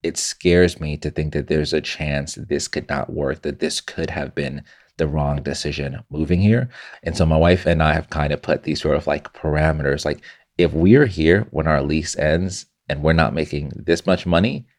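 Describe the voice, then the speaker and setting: A man with an extremely deep, low voice speaks as a podcast guest. Born in Zimbabwe, he works as a content creator and tells his own story in an earnest, reflective way. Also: normal speed, darkish tone. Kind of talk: personal storytelling in a podcast interview.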